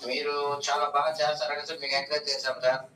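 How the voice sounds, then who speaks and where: Male phone-in caller, brisk and bright, heard distant and roomy over the line. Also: fairly high pitch, monotone, slight background noise. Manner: polite, keeps saying sir, quick complaint.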